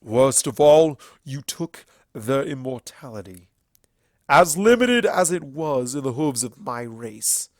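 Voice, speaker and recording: A man performs a bitter, ancient stallion from a fantasy storybook, declaiming accusations with heavy scorn and fury while stretching key words. His medium-pitched voice is animated and slow, and the sound is close, dry, and free of echo.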